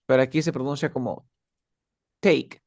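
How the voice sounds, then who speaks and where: A man's voice: medium pitch, expressive, fairly quick, creaky, a little mellow, no echo, studio quality. A man teaching an English lesson in a patient, casual way, often checking that he is understood.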